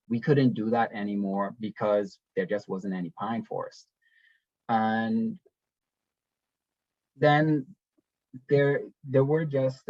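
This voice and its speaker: A young man from the Bahamas giving a webinar presentation over a video call, talking in a relaxed, conversational way with frequent ums and restarts. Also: medium pitch, no room sound. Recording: dull, dry webinar audio.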